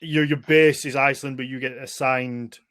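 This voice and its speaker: A man's voice: mid-range voice, fairly even intonation, normal speed, fairly bright tone. A man hosting a podcast, asking questions in a casual, conversational way. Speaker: podcast host. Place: indoors on a video call.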